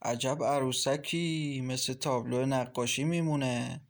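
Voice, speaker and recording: A man's voice: mid-range voice, fairly even intonation, lightly acted. A man playing a leering older landlord. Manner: brash, leering. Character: leering, pushy older landlord, over fifty.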